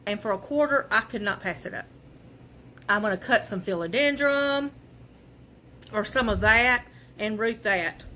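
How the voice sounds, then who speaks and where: A woman's voice: medium pitch, unhurried, pauses often, sharp tone, slight background noise. Chatty woman showing thrift finds. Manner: chatty, folksy, homespun. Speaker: vlogger showing a thrift haul. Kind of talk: casual show and tell. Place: living room at home.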